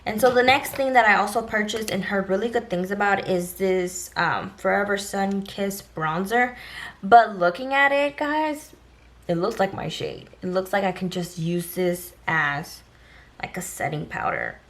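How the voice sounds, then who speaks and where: A woman's voice: medium pitch, sing-song, unhurried, fairly bright tone. A woman talking casually and directly to viewers as a beauty vlogger, giving an informal shopping haul review.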